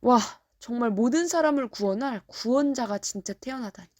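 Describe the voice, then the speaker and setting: A woman's voice: on the high side, moderate pace, darkish tone, dry recording, clean studio sound, pitched above the performer's own voice, natural voice. A woman voicing a devout elderly man who prays earnestly and rejoices, told within a children's Bible story. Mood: overjoyed.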